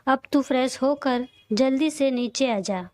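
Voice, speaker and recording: A woman's voice: high-pitched, measured pace, darkish tone, no room sound, studio quality. A woman reading a teasing young man. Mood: friendly. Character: cheerful teasing young man, a loyal friend.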